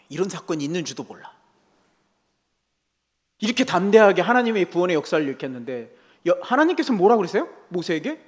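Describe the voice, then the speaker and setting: A man's voice: on the high side, a bit bright. An older male pastor preaching a Sunday sermon, emphatic and repeating key phrases for weight. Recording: reverberant church hall.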